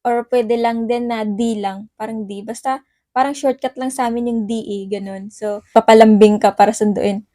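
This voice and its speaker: A woman hosting a casual language lesson vlog, laughing often and repeating words slowly. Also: a little high, steady tone, dark tone, dry recording, studio quality. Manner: cheerful, laughs often, slow repetition of words. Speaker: vlogger teaching Ilonggo phrases.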